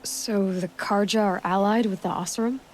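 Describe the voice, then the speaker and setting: A woman's voice: medium pitch, steady tone, moderate pace, a little mellow, a little hiss or hum, lightly acted. An actress playing a determined young woman warrior who speaks directly and skeptically.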